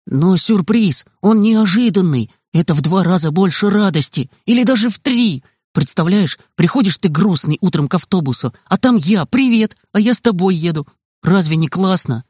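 A man voicing an excitable young boy pleading with his father, in a storybook reading. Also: sits high, moderate pace, breathy edge, dry recording, clean studio sound, pitched above the performer's own voice. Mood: eager. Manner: eager, pleading, bright raised tone.

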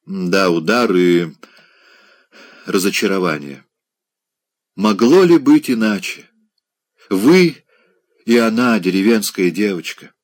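A brooding, sullen young gentleman, evasive and sighing before each reluctant answer, as a male narrator reads him. His voice stays low and slow, close to the reader's own. The scene comes from a storybook audiobook. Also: animated, dry recording.

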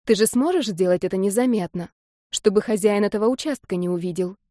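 A woman's voice: mid-range voice, a little fast, mellow, dry recording, studio quality, close to an everyday voice. A woman reading an audiobook, voicing a wounded, frightened but determined young woman who speaks urgently and pleadingly. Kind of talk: audiobook character voice.

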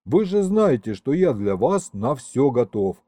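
A man voicing an eager, flustered young man who pleads and excuses himself, in a raised, lively voice. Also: unhurried, dry recording. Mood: pleading. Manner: pleading, eager, high and excited.

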